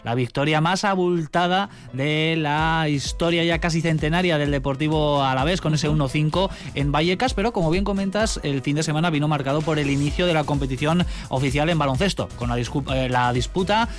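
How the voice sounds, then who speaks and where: A man with an accent from Spain chats through a radio sports round-up. His voice sits a little high and his delivery is halting and conversational, with some music behind him. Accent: Spanish from Spain.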